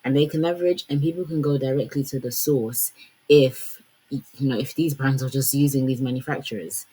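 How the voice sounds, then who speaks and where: Young female commentator, husky voice, talks casually and thinks out loud. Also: a bass voice, a little fast, poor audio. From Congolese heritage. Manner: conversational, lots of fillers like "like" and "you know". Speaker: fashion commentator.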